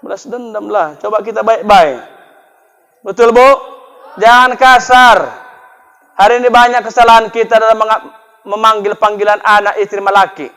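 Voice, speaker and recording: A man's voice: sits high, fairly even intonation, normal speed, long pauses, fairly bright tone, smooth. A man preaching a comic sermon, joking with the crowd and addressing them directly. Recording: echoey hall.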